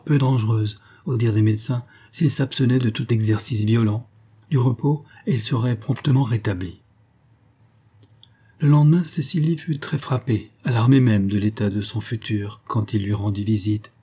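Husky-voiced man narrating a novella. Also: mid-range voice, normal speed, dark tone. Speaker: audiobook narrator. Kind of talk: narrating a 19th-century crime novella.

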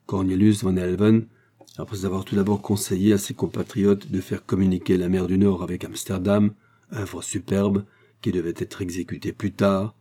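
A man narrating a classic adventure novel in a steady, measured reading. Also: on the low side. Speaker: audiobook narrator. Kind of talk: scripted narration.

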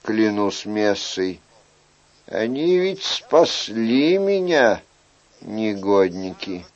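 A man reading an audiobook, voicing a weary, wry middle-aged king in a soft, measured way. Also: on the low side, big pitch swings, muffled recording, exaggerated voice.

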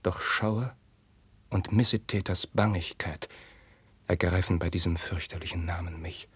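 An actor playing an anguished young prince, declaiming verse in a 1950s radio drama and swinging from hushed whispers to outbursts. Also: male voice, low voice, steady tone, a little slow, slightly rough, no echo, exaggerated voice. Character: young anguished prince, passionate, tormented by forbidden love.

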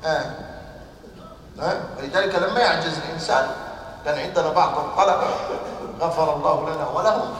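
A man's voice: on the high side, brisk, pauses often, fairly bright tone, slight background noise. A man teaching a class, asking the students questions and then answering them himself. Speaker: teacher of religious texts. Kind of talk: classroom lecture. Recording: echoey hall from far off.

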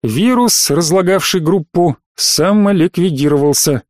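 A man's voice: high-pitched, unhurried, darkish tone, dry recording, studio quality. Man doing a formal academy rector. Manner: formal, lecturing. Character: brisk authoritative academy rector.

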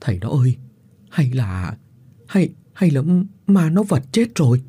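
A man's voice: medium pitch, very animated, normal speed, dark tone, husky. A man voicing an anxious middle-aged country wife who stammers and pleads. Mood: frightened.

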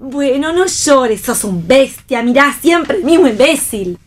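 A woman's voice: animated, unhurried. A woman voicing an exasperated young mother who coos at her child and scolds her husband, in a radio theatre reading. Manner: cooing then shrill scolding.

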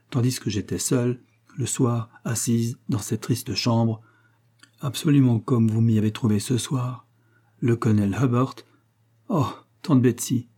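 A man's voice: mid-range voice, mellow, slightly rough, close to an everyday voice. A man reading an audiobook voices an earnest, lovesick young woman in a raised, pleading tone. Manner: emotional, pleading.

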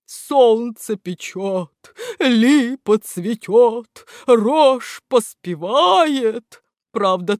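A woman voicing a giant male statue that speaks tearfully in a slow, drawn-out way. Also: mid-range voice, a little mellow, no room sound, studio quality, close to an everyday voice.

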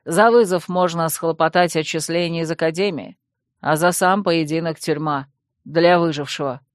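A man's voice: on the high side, fairly even intonation, moderate pace, no echo, clean studio sound, lightly acted. A woman reading an audiobook, voicing a snappish young male fox shifter who talks matter-of-factly.

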